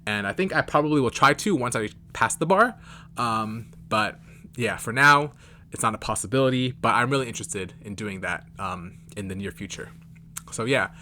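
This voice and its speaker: Young American man, lowish voice with a crisp edge, easygoing fan vlogger who rambles. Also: sharp tone. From California, United States. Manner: loose, rambling delivery. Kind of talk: casual to-camera chat.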